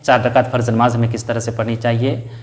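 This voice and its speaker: At a medium pitch and a fast pace, this man's level, slightly mellow voice delivers a patient, step-by-step religious lesson. He raises questions he answers himself and recites short Arabic prayer phrases.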